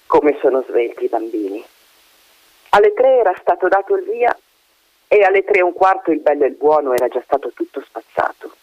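A man reading a story aloud in an animated way, putting on voices for the characters. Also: mid-range voice, no echo. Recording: dull dry recording.

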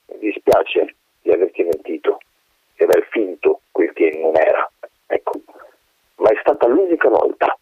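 A man playing a proud, gruff old colonel, stubborn and lonely, speaking in a curt, stubborn way in a radio drama reading. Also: low-pitched, big pitch swings, moderate pace, long pauses, no room sound, heavily acted. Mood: bitter. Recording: tinny phone-like radio sound.

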